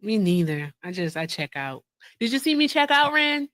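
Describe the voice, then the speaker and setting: A woman's voice: medium pitch, very animated, normal speed, a bit bright, no echo, clean studio sound. A woman hosting a casual livestream chat, blunt and skeptical with her callers. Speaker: host.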